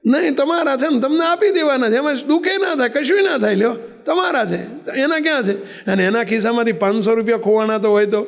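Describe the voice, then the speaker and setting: A man giving a sermon, telling a story, acting out its characters and asking the listeners questions. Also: very high-pitched. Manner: acts out characters' voices in his stories; asks the listeners rhetorical questions. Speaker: preacher.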